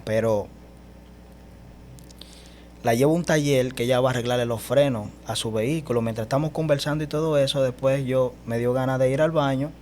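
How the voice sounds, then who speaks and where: A man's voice: medium pitch, brisk, a little mellow. A man recounts his spiritual experience as an interview guest, speaking with emphatic conviction. He keeps turning to the host with a familiar "brother". A faint hum sits under his voice. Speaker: guest telling his testimony. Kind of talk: animated personal testimony.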